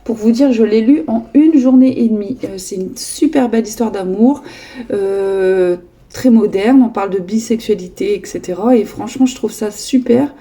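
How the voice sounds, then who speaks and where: A woman vlogger chatting casually about her latest books, hesitant with many pauses and fillers. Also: medium pitch, dark tone. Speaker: book vlogger. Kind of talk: casual chat showing books.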